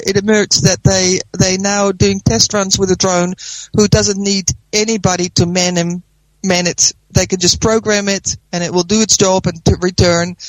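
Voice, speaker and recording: A woman discussing politics earnestly as a commentator, in a halting way. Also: mid-range voice, no room sound, low-quality recording.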